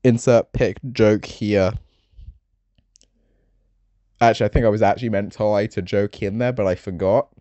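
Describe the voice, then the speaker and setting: A young man in his late teens narrating a game summary video essay, chatty and full of joking asides with dark humor. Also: on the low side, steady tone, fast talker, hardly any pauses, no echo, highs cut off.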